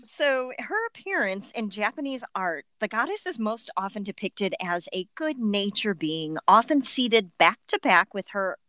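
Animated woman with a Cleveland accent. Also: mid-range voice, measured pace, few pauses, dry recording. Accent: Cleveland, Great Lakes. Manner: informal, jokey, exclamatory. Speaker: podcast co-host. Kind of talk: casual chat.

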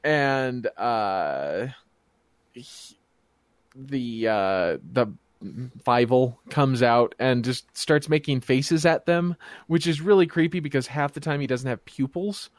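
A man in a casual chat recapping a movie with dry, deadpan humor. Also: medium pitch, slow, dry recording.

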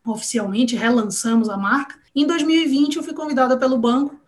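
A woman's voice: sits high, a little fast. A woman in her thirties with a Bahian accent, answering interview questions in a friendly, chatty way, often adding little tag questions. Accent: Northeastern Brazilian, Bahian. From Salvador, Bahia, Brazil. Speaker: guest, marketing executive.

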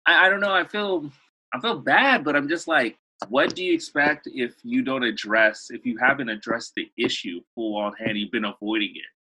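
Husky, forceful man in his thirties. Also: medium pitch, moderate pace, poor audio. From Los Angeles. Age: 30s. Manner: rambling, filler-heavy, frequent restarts. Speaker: guest. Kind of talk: casual interview storytelling.

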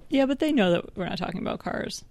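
A woman's voice: on the high side, lively intonation, fast talker, gravelly, darkish tone, no echo. A woman co-hosting a podcast, rambling and playful in casual chat. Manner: rambling, playful, laughs easily. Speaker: podcast co-host.

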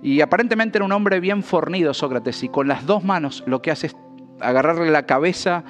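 A man's voice: on the high side, animated, fairly quick. A man preaching a sermon, fervent and often stumbling into repeated restarts. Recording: long hall reverb with faint music.

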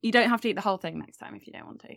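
Brit woman, upbeat and laughy, runs the game, dry mic, mid pitch. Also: animated, very fast, vocal fry, fairly bright tone, no echo. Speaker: podcast co-host. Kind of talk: casual chat.

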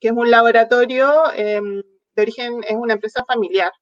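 A woman's voice: fairly high pitch, steady tone, a little fast, no room sound, highs cut off. A woman from southern Chile with a Chilean accent, a veterinarian guest answering interview questions in a friendly, explanatory way with frequent fillers. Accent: Chilean Spanish. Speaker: veterinarian product manager guest. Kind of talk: online interview.

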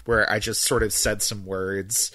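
A man's voice: on the low side, flat delivery, measured pace, bright, forceful tone, dry recording. A man co-hosting a podcast, chatting casually about retro games, sarcastic and self-mocking. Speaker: podcast co-host.

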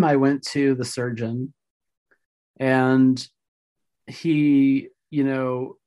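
In a relaxed interview, a female guest gives careful, thoughtful explanations in a very deep, darkish voice that remains slightly rough after vocal surgery.

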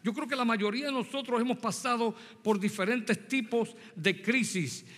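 With an extremely high pitch, a moderate pace, and a fairly bright tone, a Puerto Rican man in his sixties gives a sermon. He comes from Puerto Rico, speaks with a Puerto Rican Spanish accent, and mixes a story from his youth with direct questions to the congregation, heard through long hall reverb.

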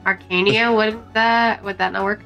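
A woman's voice: mid-range voice, fairly even intonation, moderate pace, gravelly, bright, forceful tone, soft background music, low-quality recording. A woman talking casually as a player in a tabletop game. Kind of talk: casual play chat.

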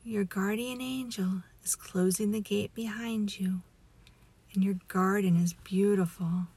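A woman leading a guided relaxation meditation as a story, in a soothing, hushed, breathy voice that often nears a whisper. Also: mid-range voice, fairly even intonation. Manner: slow, soothing, hushed delivery.

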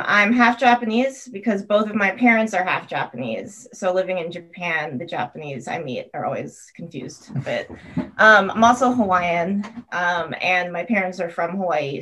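A woman's voice: lowish voice, a little slow, bright, forceful tone. A woman from Seattle chatting casually as an interview guest.

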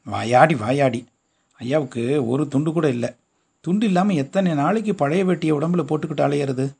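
A man's voice: on the high side, moderate pace, creaky, darkish tone, husky, pitched above the performer's own voice. A man doing a fond, scolding village mother. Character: poor, loving, playful village mother.

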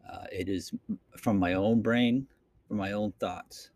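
Here a podcast host from Boston, Massachusetts, rambles unscripted into his computer microphone, his Boston accent clear and his speech packed with fillers and restarts. He talks slowly in a fairly low, steady, slightly mellow voice, captured in a dry, clean studio-quality recording.

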